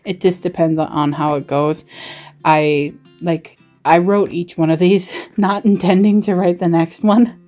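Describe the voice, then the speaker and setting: Lower-voiced woman, rambling casual vlogger. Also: fairly even intonation, measured pace, warm tone, soft background music. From Australia. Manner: rambling, giggly, self-deprecating. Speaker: vlogger and writer giving a desk tour. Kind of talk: casual chatty show-and-tell.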